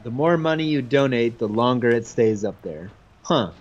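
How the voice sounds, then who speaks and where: A man's voice: medium pitch, expressive, normal speed, lo-fi sound. A man co-hosting a casual gameplay show, teasing his partner with dry jokes. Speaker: co-host commenting on gameplay.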